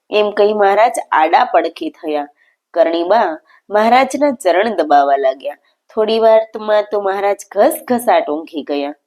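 Woman narrating a devotional story. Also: mid-range voice. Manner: devotional, explanatory, warmly storytelling.

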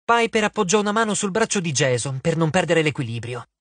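A man narrating an audiobook chapter in an expressive storytelling manner. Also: on the high side, a little fast, no echo. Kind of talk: scripted narration. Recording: dry close studio sound.

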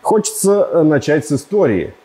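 A man's voice: on the high side, moderate pace, loud music behind the voice. Joking man reviewing a car. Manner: joking, rambling, animated with gestures.

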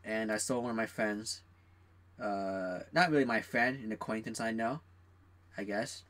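Young male co-host, bright voice, animated rants about work, slips into quoted voices. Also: on the low side, a little slow. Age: young adult. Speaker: podcast co-host. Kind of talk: casual chat.

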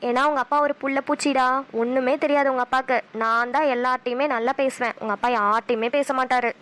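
A woman voicing a sharp-tongued but loving village mother with a Kanyakumari Tamil accent, who talks briskly and snaps back quickly. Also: sits high, steady tone. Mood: storytelling. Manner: brisk, chatty, quick retorts.

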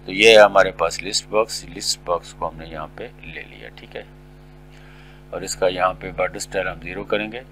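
A middle-aged man with a very low voice talks through a screen-recorded coding tutorial. He explains each step in a steady, polite way. A faint hum sits under his voice. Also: rough recording. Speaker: tutorial instructor.

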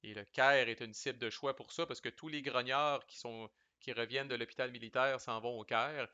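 Québécois male reviewer, bright and forceful delivery, chatty and slangy, dry slightly muffled recording. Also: mid-range voice, steady tone, moderate pace, no room sound. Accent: Québécois French. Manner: chatty, loose, sprinkles English game terms and salty slang. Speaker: board game reviewer. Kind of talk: casual explanatory commentary.

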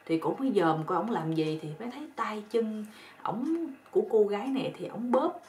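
A woman's voice: medium pitch, animated, moderate pace, a little mellow. A woman telling a story in a casual, chatty way, often repeating words. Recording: roomy echo with faint noise.

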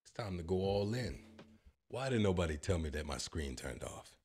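A husky, slightly mellow man in his thirties with an American accent, from the United States, speaks at a normal speed in a low voice with big pitch swings. He jokes and boasts in playful reaction commentary on a language-learning app, using a handheld mic in a home studio with purple lighting. Faint music plays behind him.

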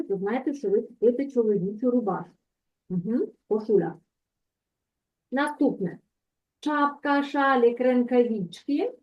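A woman teacher giving an online language lesson, explaining patiently and checking in often with her students. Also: on the high side. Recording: tinny phone-like call audio.

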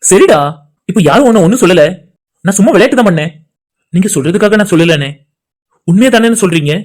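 A man's voice: high-pitched, animated. A man voicing friends in casual banter for a home-made cartoon. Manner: rapid, chatty everyday banter between friends. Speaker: cartoon channel creator voicing all characters. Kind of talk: cartoon dialogue voice acting.

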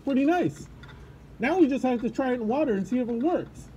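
A man's voice: very high-pitched, lively intonation, a little fast, warm tone, slight background noise, rough recording. A man casually reviewing gear, talking through a full face snorkel mask in a chatty, upbeat way. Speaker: product reviewer. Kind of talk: casual product review vlog.

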